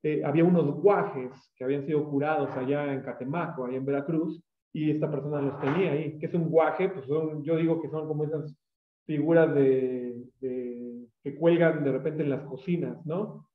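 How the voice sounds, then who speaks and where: A man's voice: a little high, normal speed, echoey room, narrow, tinny audio, a little hiss or hum. A man with a Mexican Spanish accent, preaching a sermon and telling stories as a pastor and teacher, acting out the voices of the people in them. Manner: animated, acts out quoted voices. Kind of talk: sermon with storytelling.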